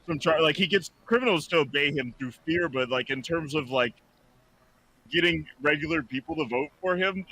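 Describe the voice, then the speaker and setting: Bright-voiced rambling man. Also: a little high, normal speed, a little hiss or hum, poor audio. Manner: rambling, full of "like" and restarts. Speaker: podcast host. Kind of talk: casual reaction chat.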